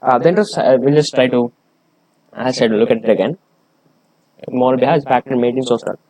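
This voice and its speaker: A man's voice: mid-range voice, fairly even intonation, fast talker, mellow, dry recording, low-quality recording. A man reading a research paper aloud and explaining it, hesitant, with many fillers and restarts.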